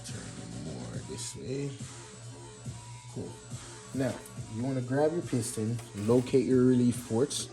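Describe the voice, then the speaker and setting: A man with a Jamaican accent giving a casual hands-on workshop tutorial, relaxed and chatty with plenty of fillers and restarts. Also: medium pitch, takes it slowly, music in the background, low-quality recording. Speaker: mechanic demonstrating engine assembly. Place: home garage workshop.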